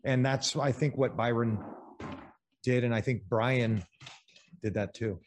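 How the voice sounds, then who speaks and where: A man's voice: mid-range voice, fairly even intonation, a little slow, a little hiss or hum. A man co-hosting a podcast in casual chat, joking around and swearing freely. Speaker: podcast co-host.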